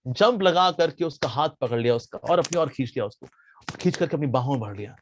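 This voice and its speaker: A man, a monk preacher, telling a story in a sermon with playful, animated delivery. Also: medium pitch, fairly quick, slight background noise.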